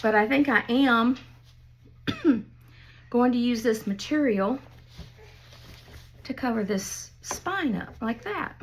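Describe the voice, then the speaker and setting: Slightly high and lively in intonation, this older woman speaks slowly and pauses often, with a bit of hiss or hum in the recording. As a craft vlogger, she demonstrates a project at home and tells family stories in a folksy, chatty style, laughing along at them.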